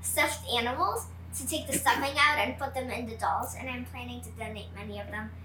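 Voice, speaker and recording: A woman's voice: a little high, brisk, bright, forceful tone, roomy sound, recorded from a distance, slight background noise, rough recording. A woman from Miami answering interview questions earnestly in simple sentences. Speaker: young activist guest.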